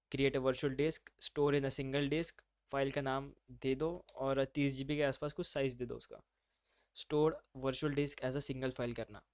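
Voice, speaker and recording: A man runs a live online class, loose and informal, calling his students brother as he talks them through each step. His voice sits at a middle pitch with a dry, close sound from a computer mic. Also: dry recording. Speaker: instructor.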